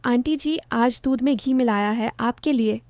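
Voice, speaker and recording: A woman's voice: a little high, normal speed, darkish tone, no room sound, natural voice. A woman voicing a shy, stammering young milkman. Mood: bashful. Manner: hesitant, stammering.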